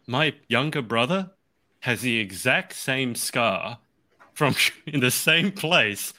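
A man's voice: mid-range voice, lively intonation, slow pace, pushed and bright. A man hosting a casual interview in a jokey, teasing way. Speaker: interview host.

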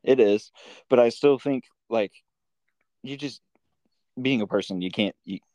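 Speaking at a medium pitch and an unhurried pace, this Midwestern American man hosts a podcast with a mellow sound. His informal talk is full of "like" and "you know," recorded without echo but with dull audio.

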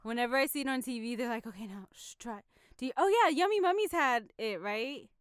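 A woman's voice: high voice, very animated, fast talker, clear, resonant tone. A young married woman co-hosting a podcast, chatting casually, teasing and laughing a lot. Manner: giggly, playful teasing. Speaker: podcast co-host. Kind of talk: casual chat.

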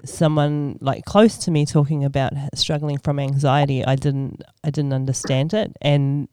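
A woman in her forties from Australia talks as a podcast guest, thoughtful and hesitant, pausing often. Her voice is smooth and clear, recorded dry and close with no room sound. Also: deep voice, little pitch movement, warm tone, no echo. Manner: thoughtful, hesitant, many ums. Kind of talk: casual podcast chat.

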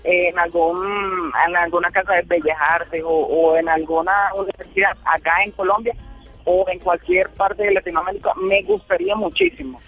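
Venezuelan man calling in, halting. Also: sits high, gravelly, faint music behind. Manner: hesitant, halting, many fillers. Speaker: caller. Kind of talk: radio call-in chat. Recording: dull phone-line call.

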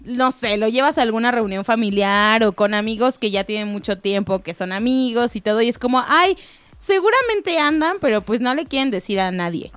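A woman's voice: mid-range voice, brisk, hardly any pauses, smooth, no echo. Dry-sounding woman co-host. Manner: lists points, teasing. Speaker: podcast co-host. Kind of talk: casual chat.

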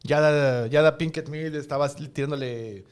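Playful high-voiced Mexican man. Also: a little slow, clear, resonant tone. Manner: playful, animated, jokey asides. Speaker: podcast co-host. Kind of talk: casual chat.

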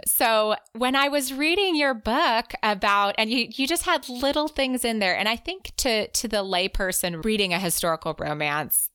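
A woman's voice: mid-range voice, bright, forceful tone, smooth. A woman hosting a casual interview, chatty and rambling as she asks her questions. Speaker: podcast host.

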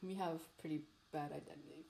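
A woman's voice: low voice, steady tone, fairly quick, gravelly, dark tone, a little hiss or hum. A young woman in casual chat with friends, talking loosely with lots of filler words. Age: young adult. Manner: chatty, lots of "like". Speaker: co-host. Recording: echoey room.

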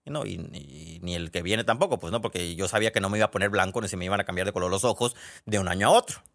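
A man's voice: low voice, very fast, a bit bright. A man with a Mexican accent hosting a podcast, telling stories in a chatty, digressive way and often correcting himself mid-sentence. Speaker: podcast host. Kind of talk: casual storytelling monologue.

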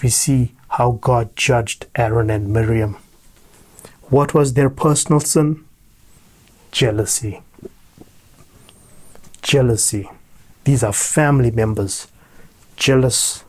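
A male preacher who speaks very slowly and deliberately, leaning on repeated phrases for emphasis. His voice sits at an ordinary pitch for a man. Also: darkish tone, husky. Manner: slow, deliberate, emphatic repetition. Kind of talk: sermon with scripture reading.

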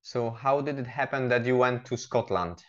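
A man hosting a podcast interview, asking halting questions full of hesitations. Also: mid-range voice. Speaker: podcast host and coach. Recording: slightly dull lo-fi audio.

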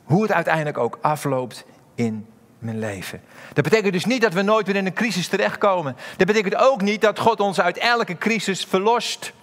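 A man's voice: expressive, normal speed, fairly bright tone. Male pastor preaching, rises and drops a lot, talks right to the crowd, big echoey hall. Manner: emphatic preaching with sudden rises and drops in pitch; addresses the congregation directly, asks rhetorical questions. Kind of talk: sermon.

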